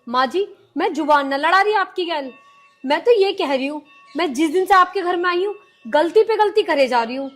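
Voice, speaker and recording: A patient young daughter-in-law who pleads earnestly, played by an actress. Her voice is fairly high, with faint music underneath. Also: lively intonation, moderate pace, a bit bright. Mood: pleading. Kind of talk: rural comedy drama acting.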